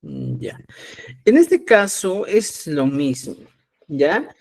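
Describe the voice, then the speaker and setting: Male teacher from Peru, patient and repetitive, slightly higher voice, live online class. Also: wildly swooping pitch, very slow, darkish tone. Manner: patient, repeats "¿ya?" to check understanding. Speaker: Quechua teacher.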